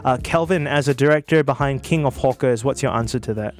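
A man's voice: mid-range voice, fast. A man with a Singaporean accent hosting a show, interviewing guests with casual banter. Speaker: show host.

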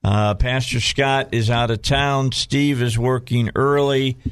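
A man's voice: mid-range voice, steady tone, takes it slowly, slight background noise. A man with a Southern US accent hosting a casual talk radio show in a folksy way, often repeating phrases as he goes.

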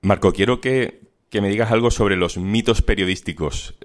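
A man's voice: fairly low pitch, normal speed. A man with a Spanish accent from Spain hosting a live podcast interview, asking probing questions. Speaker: podcast host.

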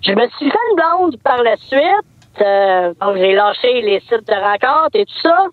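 A man's voice: lively intonation, measured pace, no room sound. A man with a Québécois accent calling in anonymously, his voice run through a voice changer to disguise it, speaking hesitantly with many fillers. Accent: Québécois French. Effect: voice changer disguising the voice, pitched up. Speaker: anonymous caller. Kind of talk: phone-in confession on radio. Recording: tinny phone line.

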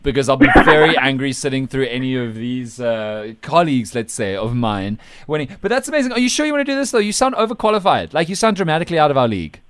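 A man's voice: medium pitch, sing-song, fast, hardly any pauses, a bit bright, a little hiss or hum. A South African man hosting a radio show in casual, jokey banter with teasing remarks. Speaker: radio breakfast show host.

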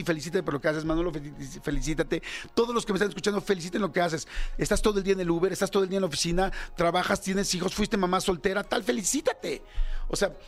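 A Mexican man in his fifties hosts a radio show, talking to his listeners in a loose, candid monologue with plenty of fillers and self-deprecating asides. His voice sits a little high for a man. Soft music plays faintly beneath him. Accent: Mexican Spanish. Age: 50s. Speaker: radio host. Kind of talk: casual reflective monologue.

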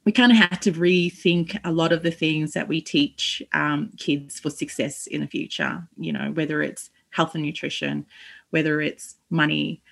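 A woman giving a reflective interview answer, earnest and halting as she searches for words. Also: deep voice, steady tone, creaky. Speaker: podcast guest.

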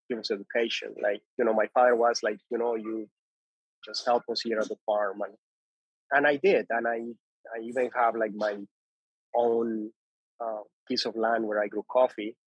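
A man's voice: mid-range voice, normal speed, slightly rough, dry recording, rough recording. A man from Colombia, speaking English as a second language, who tells his story as a guest in an interview, stopping often to restart and repeat words. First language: Spanish. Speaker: guest, coffee importer. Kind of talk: conversational interview.

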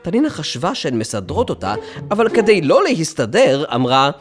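Lively man reading a children's story. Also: on the high side. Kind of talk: expressive children's story narration. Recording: music playing under the voice.

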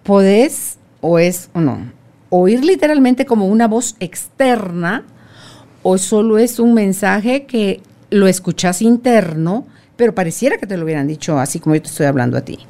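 A woman's voice: mid-range voice, lively intonation, normal speed, mellow. A woman host, asking curious, long follow-up questions in an interview chat.

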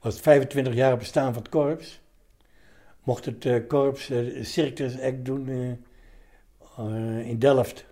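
A man, recalling his past in a casual interview, halting and anecdotal in short fragments. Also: mid-range voice, fairly even intonation, warm tone. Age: 70s. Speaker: interviewee, retired commando veteran.

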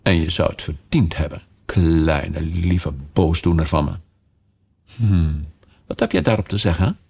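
A man's voice: low voice, measured pace, creaky, a little mellow, slightly rough, full character voice. A man reading a storybook, voicing the young girl Alice as she chatters and scolds her kitten in a motherly way. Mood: playfully scolding. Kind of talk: storybook character voice.

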